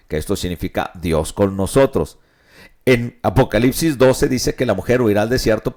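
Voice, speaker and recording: Man, pastor, radio Bible teaching, lowish voice, repeats and explains. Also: darkish tone. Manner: explanatory, asks rhetorical questions and repeats points. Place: radio studio.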